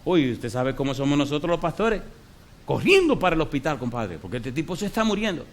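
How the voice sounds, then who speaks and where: A man's voice: fairly high pitch, sing-song, a little fast. A male pastor preaching a sermon, telling a story and firing rhetorical questions at the congregation.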